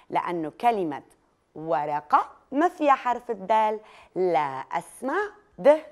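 Lebanese lady teaching little kids a letter game, bouncy voice that swoops all over, drags the words out slow. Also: medium pitch. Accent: Lebanese Arabic. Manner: lively and coaxing, stretches out each test word slowly. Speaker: children's Arabic teacher. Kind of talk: children's lesson, leading a listening game.

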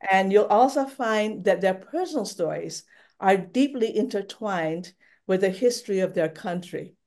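An older woman from Thailand speaking on a webinar from her home over a video call, telling her personal story in a measured, reflective way. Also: medium pitch, lively intonation, darkish tone. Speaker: panelist. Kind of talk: prepared personal remarks on a webinar. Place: home room, indoors.

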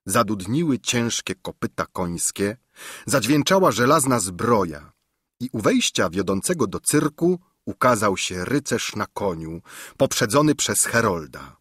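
A man narrating a storybook in a theatrical, lively reading style. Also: lowish voice, a little slow, husky, no room sound, studio quality. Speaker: audiobook narrator.

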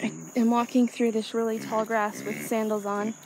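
A small farm owner who vlogs talks through her chores outdoors in a casual, unscripted way, thinking aloud as she works. Her voice sits a little high, slightly mellow, with little pitch movement at a moderate pace, and outdoor noise of insects and animals fills the background.

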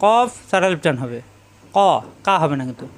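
A man teaching Quran letter pronunciation step by step, drilling each letter slowly and chanting drawn-out Arabic sounds. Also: a little high, sing-song. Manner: slow, drilling letter sounds one by one and repeating them.

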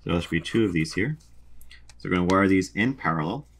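A young man calmly explains a boat's electrical wiring while drawing a diagram, methodical, with frequent ums. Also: deep voice, fast, slight background noise. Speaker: sailing vlogger explaining a boat electrical system.

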